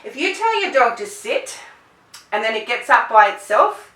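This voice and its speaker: Bright-voiced woman dog trainer, roomy echo. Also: fairly high pitch, very animated, normal speed, far from the mic. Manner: conversational, checks in with frequent "right?"; acts out commands in sharp bursts. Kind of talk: instructional talk to clients.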